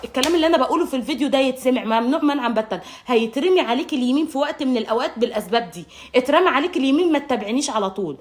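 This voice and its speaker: A woman with an Egyptian accent giving marriage advice straight to camera, brisk and emphatic, scolding while calling the viewer darling. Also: sits high, lively intonation. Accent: Egyptian Arabic. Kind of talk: direct-to-camera advice monologue.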